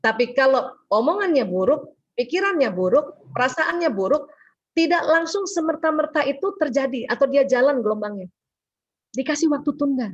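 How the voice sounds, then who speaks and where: A woman giving a lively religious health talk as guest speaker on a video call, acting out quoted dialogue as she goes. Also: high voice, breathy edge. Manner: animated, acts out quoted dialogue. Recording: dull lo-fi call audio.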